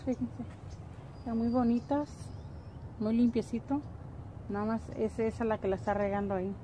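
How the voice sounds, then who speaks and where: A middle-aged woman with a Mexican accent and fairly high pitch narrates casually to camera as a family vlogger running daily errands, indoors at home and in the front yard. Her delivery is colloquial and chatty. She holds the phone at arm's length, and the handheld recording picks up clear ambient noise.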